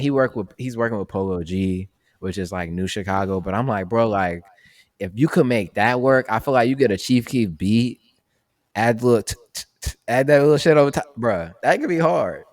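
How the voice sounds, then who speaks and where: Young male podcast co-host, lowish voice, dry close sound, rambling slangy delivery. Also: expressive, brisk, no echo. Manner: loose, rambling, heavy on fillers and slang. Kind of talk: casual chat.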